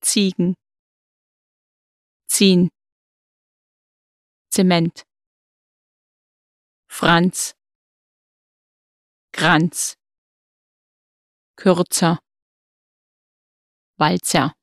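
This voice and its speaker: A woman reads a pronunciation drill one word at a time, very slowly and precisely. Her voice sits a little low. The dry recording has no echo. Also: fairly even intonation. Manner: slow, precise, deliberate articulation. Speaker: language teacher.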